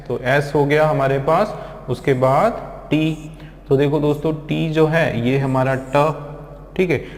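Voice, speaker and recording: A man's voice: fairly high pitch, darkish tone. A man teaching a classroom lesson who spells words out letter by letter and addresses his viewers as friends. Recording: echoey room with long reverb.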